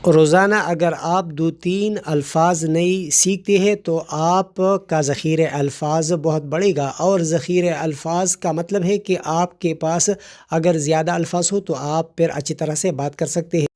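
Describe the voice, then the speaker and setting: A man's voice: on the high side, fairly even intonation, darkish tone. A man giving a vocabulary lesson, explaining words patiently, spelling them out letter by letter and repeating them. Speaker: vocabulary teacher.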